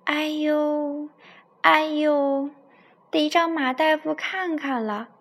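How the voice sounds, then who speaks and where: A woman voicing a big greedy male tiger in a bedtime story, speaking loudly and greedily. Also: sits high, steady tone, slow pace, voice pushed up, heavily acted. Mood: pained. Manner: loud, greedy, whining when in pain.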